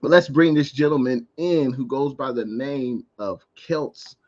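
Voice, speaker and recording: Male American sports stream host, mid-pitched, conversational, explaining things casually on slightly lo-fi audio. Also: a little slow, darkish tone. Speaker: host of a live sports call-in show.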